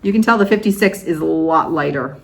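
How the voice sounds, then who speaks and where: Older woman, lowish voice, lively, giggly, casual chat. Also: brisk, vocal fry. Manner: lively, giggly, asks questions. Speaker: co-host.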